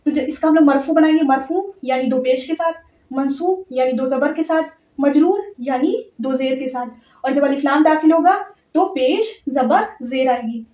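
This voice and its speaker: A woman teaching a grammar lesson step by step, patient, repeating words slowly and often checking that her students follow. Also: sits high, mellow. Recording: echoey, distant, slightly dull audio.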